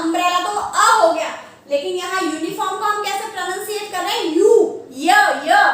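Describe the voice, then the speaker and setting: An Indian woman teacher with a very high, bright voice patiently walks young children through a grammar lesson. She repeats her questions so they answer along. Her voice sounds far from the mic, in an echoey room with a faint hiss.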